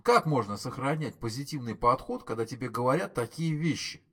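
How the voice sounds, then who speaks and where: A man voicing an excitable, bluffing alien man who talks eagerly in exclamations. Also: mid-range voice, brisk, pitched above the performer's own voice. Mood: strained.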